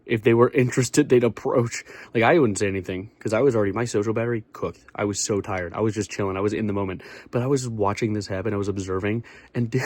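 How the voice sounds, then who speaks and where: A young male vlogger talks to camera in a small bedroom lined with acoustic foam, delivering a casual comedic monologue. His lowish, slightly mellow voice moves fast, rambling and sarcastic as he hops between topics, and the recording is dry.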